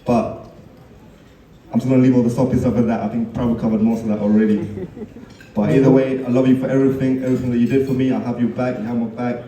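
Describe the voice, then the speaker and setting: A man's voice: mid-range voice, level tone, fast, dark tone, a little hiss or hum. A man giving a teasing best man's speech at a wedding, laughing at his own stories. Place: wedding reception hall. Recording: echoey hall, mic at a distance.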